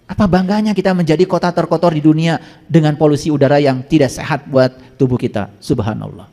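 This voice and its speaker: A man preaching a sermon to a live audience, quizzing listeners and swinging between high exclamations and low asides. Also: a little fast, warm tone. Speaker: Islamic preacher. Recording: long hall reverb.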